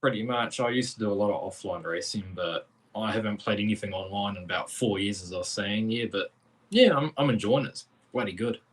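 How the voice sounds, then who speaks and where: A man's voice: lowish voice, a little fast, rough recording. Young Kiwi man, understated and casual. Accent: New Zealand. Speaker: racing driver guest. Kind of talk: casual interview chat.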